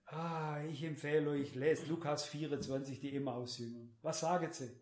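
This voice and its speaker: High-voiced German preacher in an echoey hall. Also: male voice, fairly even intonation, normal speed, a little mellow. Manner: emphatic, addresses the audience directly, repeats words. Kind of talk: sermon. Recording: roomy echo.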